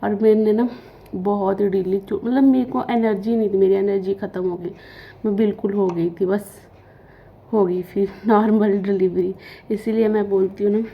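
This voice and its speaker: A woman's voice: mid-range voice, steady tone, moderate pace, gravelly, slightly rough, narrow, tinny audio. A young woman telling her childbirth story in casual, rambling talk with many fillers and restarts, a week after giving birth. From Himachal Pradesh. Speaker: vlogger.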